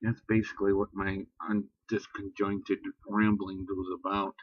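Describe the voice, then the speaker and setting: A man's voice: sits low, completely flat delivery, a little slow, dull audio. A man ranting bluntly and profanely in a casual vlog, talking about religion with heat. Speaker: vlogger. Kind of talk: casual spoken rant.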